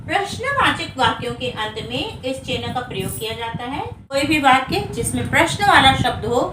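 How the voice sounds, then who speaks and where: A woman teacher giving a grammar lesson, explaining slowly and repeating each term in other words. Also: high-pitched, expressive, echoey room, recorded from a distance, background noise. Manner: explains slowly, repeating terms and rephrasing them. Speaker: Hindi teacher.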